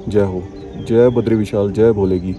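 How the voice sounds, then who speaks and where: With music playing underneath, a man speaks at a moderate pace in a fairly low, steady voice, chatting enthusiastically with viewers as he vlogs a mountain trip outdoors. English words slip into his casual talk, and vehicles can be heard in the noisy outdoor audio.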